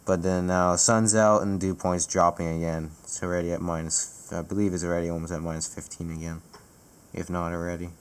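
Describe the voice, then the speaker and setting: Young man, deep voice, profane, casual weather-vlog chat full of self-corrections. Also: little pitch movement, fairly quick, smooth. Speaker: amateur weather vlogger.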